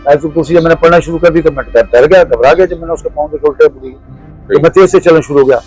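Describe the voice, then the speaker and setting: Brief: middle-aged guy, slightly high voice, halting repetitive storyteller, faint music underneath. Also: darkish tone, breathy edge, low-quality recording. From Pakistan. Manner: halting, repetitive, restarts phrases. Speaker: interview guest. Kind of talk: telling a personal ghost story.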